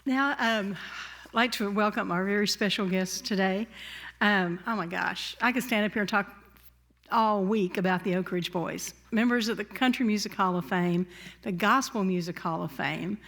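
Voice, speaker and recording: A woman's voice: medium pitch, normal speed, fairly bright tone, some chatter behind. A woman emceeing an event, introducing the guests of honor with effusive, gushing praise. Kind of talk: stage introduction. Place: on stage at a public event.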